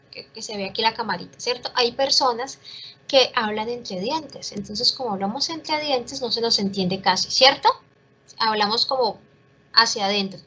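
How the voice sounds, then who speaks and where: Bright-voiced woman teacher on a muffled call. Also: on the high side, breathy edge. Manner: explains step by step, often checks in with "¿listo?" and "¿cierto?". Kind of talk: online class lecture.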